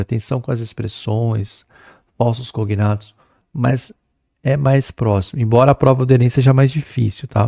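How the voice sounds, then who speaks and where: A middle-aged Brazilian man runs a chatty exam-prep English lesson, slowing down whenever he reads English text aloud. His voice is mellow and gravelly with a lot of fry. The recording is close and dry. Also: medium pitch, no echo. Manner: lively, chatty, talks to students, reads English aloud slowly. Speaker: English teacher.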